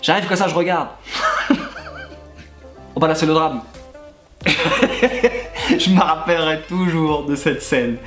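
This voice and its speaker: A man, a YouTuber and former gym coach, telling crude comic anecdotes straight to the listener, animated and often breaking into laughter. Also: on the high side, unhurried, long pauses. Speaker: YouTuber recounting his time as a gym coach. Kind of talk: comedic anecdote storytelling to the viewer. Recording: echoey room with faint background music.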